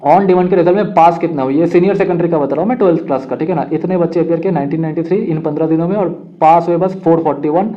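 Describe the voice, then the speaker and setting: A young man advising students in a frank, brotherly way, often checking in with the listener. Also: fairly high pitch. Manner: frank, brotherly, keeps asking "ठीक है ना". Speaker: education counsellor. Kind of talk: casual explainer to students. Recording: slightly dull lo-fi sound.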